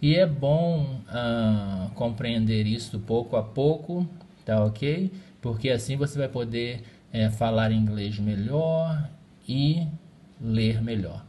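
A Portuguese-speaking man teaches English in a recorded lesson, with a warm, medium-pitched voice that's animated yet slow. He speaks patiently and checks in with his students often.

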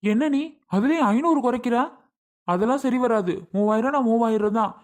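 A man's voice: very high-pitched, normal speed. A man acting as a stubborn, boastful landlord who haggles hard and repeats his price, talking in a pushy way. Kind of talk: village family skit.

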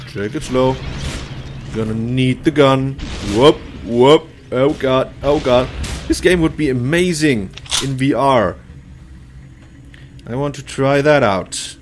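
A man's voice: mid-range voice, slow pace, long pauses, a little hiss or hum. A man in his thirties giving casual, exclamatory let's-play commentary in short bursts as he plays. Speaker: video game player and commentator. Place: indoor room, seated at a computer.

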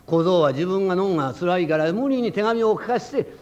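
A male rakugo storyteller narrating between his characters in a brisk, plain way. His voice sits fairly high. The old recording sounds dull and muffled. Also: animated, darkish tone.

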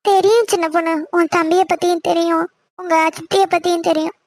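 A woman voices a nervous mother in an animated series. Her voice is very high and fast, with a flat, level delivery that keeps pleading. The sound is close and dry. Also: no echo. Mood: worried. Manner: pleading and apologetic. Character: worried middle-aged village mother, timid of her husband. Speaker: cartoon voice. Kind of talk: Tamil cartoon voice acting.

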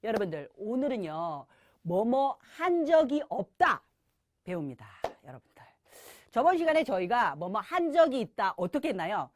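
A middle-aged woman teaching a language lesson, leading students in repeated drills with call-and-response cues and slowly modeled phrases. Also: on the high side, sing-song, no echo, studio quality.

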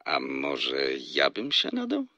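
A man's voice: a bass voice, wildly swooping pitch, slow, bright, forceful tone, dry recording, dull audio, heavily acted. An actor playing a flirtatious, teasing salesman in a radio drama who laughs often as he talks on the phone. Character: flirtatious smooth-talking male salesman on phone.

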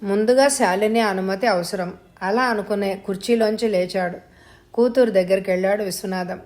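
A woman's voice: mid-range voice, moderate pace, a little mellow. Woman reading an audiobook story. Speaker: audiobook reader. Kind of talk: scripted story narration.

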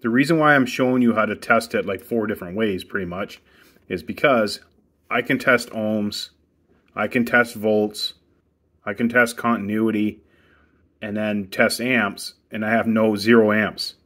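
Brief: man, lowish voice, plain practical hot tub technician walking through a repair outdoors. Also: fairly even intonation, measured pace, fairly bright tone. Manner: plain, practical step-by-step instructions. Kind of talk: casual how-to demonstration. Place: outdoors beside a hot tub equipment bay.

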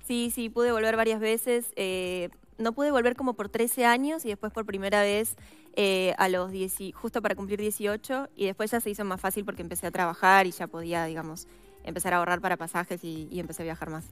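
A woman from Ukraine, an actress talking casually in a studio interview, soft-spoken and thoughtful with frequent hesitations. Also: mid-range voice, steady tone, brisk, smooth, soft background music. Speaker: actress guest.

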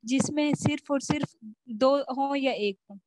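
Polite high-voiced student. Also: female voice, a little slow, darkish tone, low-quality recording. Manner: polite, tentative questions. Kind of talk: asking questions in class.

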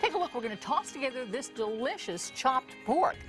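A woman's voice: high-pitched, sing-song, fairly quick, fairly bright tone, faint music behind. A middle-aged woman news anchor introducing a cooking segment in a studio, upbeat and reactive. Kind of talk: TV segment intro and co-host chat.

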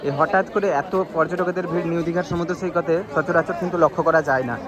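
Higher-pitched man, live outdoors among crowds. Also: steady tone, fast. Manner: announcing, repeats phrases for emphasis. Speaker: vlogger reporting live from a beach. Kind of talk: live vlog commentary. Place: outdoors on a crowded seaside beach. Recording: outdoor recording with busy crowd noise.

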